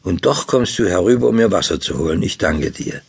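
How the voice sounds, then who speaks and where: A man voicing a soft, gravelly young village girl. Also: low voice, lively intonation, fairly quick, heavily acted. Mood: soft grateful. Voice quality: gravelly husky. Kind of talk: audiobook dialogue.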